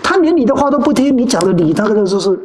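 A Buddhist monastic answering listeners' questions in an informal dharma talk, telling personal stories and repeating phrases with drawn-out particles at the ends of sentences. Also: medium pitch, expressive, noisy background. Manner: tells personal stories to advise.

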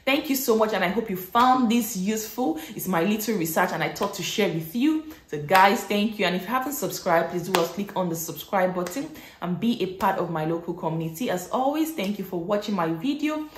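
A woman in her thirties speaks in a middle pitch, chatty and encouraging as she talks straight to camera. The sound is roomy, with a clear echo from the living room around her. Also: expressive, a little fast, background noise. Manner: chatty, encouraging, addresses viewers as guys. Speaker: vlogger. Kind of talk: advice vlog to camera.

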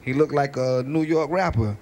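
A man's voice: mid-range voice, moderate pace, heavy background noise. A young man chatting casually on an outdoor rooftop, telling a story in an easygoing way and laughing as he talks. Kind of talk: casual chat.

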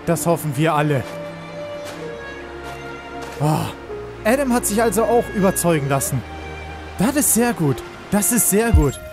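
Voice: mid-range voice, animated, unhurried, long pauses. Casual let's player over game music. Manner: reacts aloud to the game, addresses viewers. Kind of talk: casual gameplay commentary.

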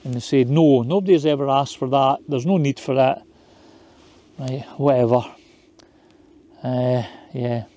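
A man's voice: medium pitch, a little slow, long pauses. Man chatting casually while camping. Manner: relaxed, chatty, matter-of-fact. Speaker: outdoor vlogger. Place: outdoors by a tent on moorland and inside a tent at night.

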